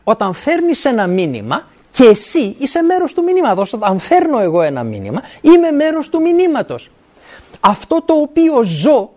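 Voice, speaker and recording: A middle-aged preacher delivers a sermon, and the pitch rises and falls in wide, animated swings. The delivery is earnest and plain-spoken, with frequent pauses to check that listeners follow and with scripture quoted along the way. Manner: earnest, often stops to ask "right?" and quotes scripture. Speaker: university academic.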